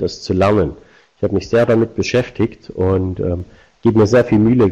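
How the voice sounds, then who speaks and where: A man's voice: fairly low pitch, darkish tone, rough recording. A man presenting a live online seminar, explaining points directly to his viewers. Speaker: webinar presenter.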